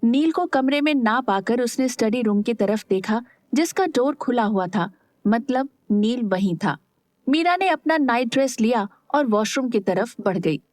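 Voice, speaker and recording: Woman with bright narrating voice. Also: fairly high pitch, animated, a little slow, dry recording. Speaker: storyteller. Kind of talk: scripted audio story narration.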